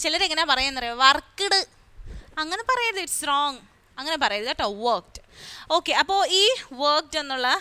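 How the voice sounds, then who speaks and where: A woman's voice: high voice, bright, forceful tone. A woman teacher with a Malayali accent, explaining a lesson step by step for children, repeating key words and asking questions. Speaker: school English teacher.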